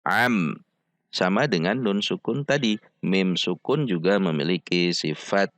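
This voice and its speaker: A man teaching Quran recitation, patiently repeating syllables slowly for practice. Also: sits low, dry recording. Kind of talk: slow step-by-step pronunciation lesson.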